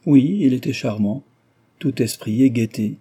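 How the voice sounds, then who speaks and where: A man's voice: medium pitch, unhurried, mellow, breathy edge. A man reading aloud, voicing a frivolous, gossiping young aristocratic lady who talks flippantly and teases. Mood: lively, teasing. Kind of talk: audiobook character reading.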